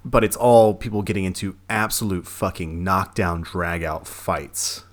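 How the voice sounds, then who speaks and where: A man co-hosting a casual movie review podcast, swearing freely, laughing often and breaking into animated bursts. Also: low-pitched, unhurried. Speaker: podcast co-host.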